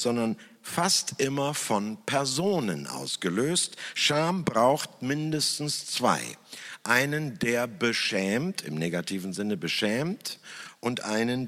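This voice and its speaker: Slow, reflective man in an echoing hall. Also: mid-range voice. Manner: slow, thoughtful, with lively emphasis and long pauses. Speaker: speaker who works in church television. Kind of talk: reflective talk in front of an audience. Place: stage in a hall. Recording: long hall reverb.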